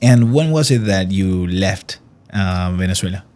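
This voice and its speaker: A man's voice: low voice, lively intonation, unhurried, a little mellow. A man hosting an interview, encouraging and conversational, often rephrasing his questions. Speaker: interviewer, host.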